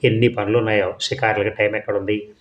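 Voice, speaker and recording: A man reading the lines of a busy middle-aged mother who answers briskly and evasively. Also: fairly low pitch, flat delivery, lightly acted.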